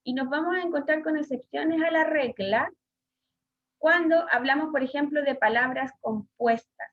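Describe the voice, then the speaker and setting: Chilean woman teacher, high voice, halting with fillers, dull video-call sound. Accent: Chilean Spanish. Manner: hesitant, many fillers, asks pupils questions. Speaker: schoolteacher. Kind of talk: online class lesson.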